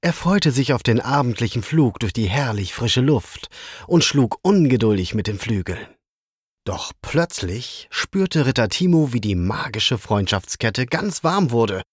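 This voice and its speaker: Male storyteller for a kids' audiobook, animated delivery, dry close recording. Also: medium pitch, a little slow, breathy edge, dry recording. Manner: lively expressive reading. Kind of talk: children's story reading.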